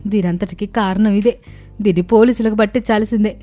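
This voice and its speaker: A woman voicing a scheming, loud, accusing middle-aged village mother-in-law. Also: medium pitch, steady tone, brisk, soft background music, close to an everyday voice.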